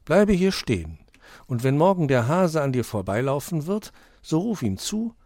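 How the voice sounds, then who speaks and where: A man voicing a calm, clever mother tortoise in a read-aloud fable. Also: fairly high pitch, normal speed, dry recording, studio quality, voice pushed up.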